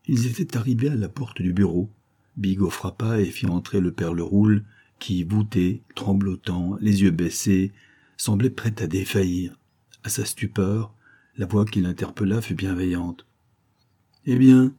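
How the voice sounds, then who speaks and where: Un homme qui lit une nouvelle d'un ton posé et régulier. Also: male voice, low voice, fairly even intonation, normal speed, mellow, husky. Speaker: narrator. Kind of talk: audiobook narration.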